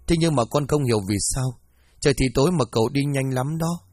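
A man's voice: medium pitch, a little fast, darkish tone, dry recording, studio quality, natural voice. A man voicing a young male servant who talks humbly and pleadingly in a horror story. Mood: humble.

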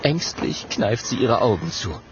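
A man narrating a children's story in an expressive, animated way. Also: mid-range voice, a little slow, slight background noise. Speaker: audiobook narrator. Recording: dull audio with faint music.

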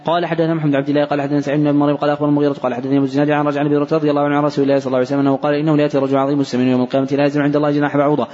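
A man reading hadith texts aloud in a fast, even recitation, recorded in a large mosque hall. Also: fairly high pitch. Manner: fast, even, unbroken reading with brief slips. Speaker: hadith reader. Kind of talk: rapid recitation of hadith text. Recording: dull recording in a reverberant hall.

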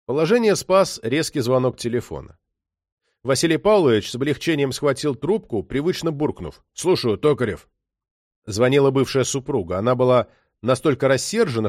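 Expressive male audiobook narrator. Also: medium pitch, dry recording, studio quality. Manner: expressive reading, voices the characters. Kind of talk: scripted narration.

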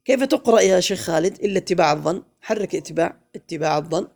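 A man teaching a grammar class, his voice gravelly and mellow. He keeps quizzing the room with questions and slows down to chant lines of verse. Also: high voice, expressive. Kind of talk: classroom lesson.

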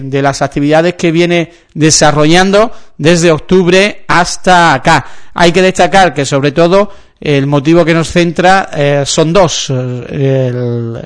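A man hosting a radio sports segment, presenting news off the cuff and often halting to search for words. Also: a little high, smooth. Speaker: local radio sports host.

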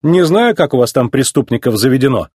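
A man's voice: mid-range voice, lively intonation, fairly quick, a little mellow, slightly rough, no room sound, studio quality. A man voicing a blunt, commanding female car who runs a motel. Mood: brisk. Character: brisk female car, motel owner, bossy.

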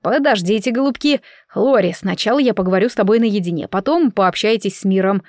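A woman's voice: mid-range voice, brisk, darkish tone, no echo, lightly acted. Audiobook: a woman playing a young man, cold and clipped, close dry read.

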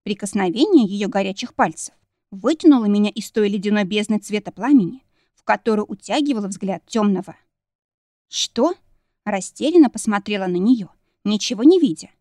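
Brief: female audiobook narrator, mid-pitched, dry close mic. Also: mellow, dry recording. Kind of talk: first-person audiobook narration.

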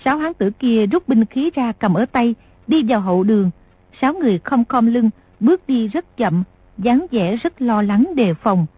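Breathy woman narrating a novel. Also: on the high side, dry recording, dull audio. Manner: steady, measured reading. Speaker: audiobook narrator. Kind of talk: scripted narration.

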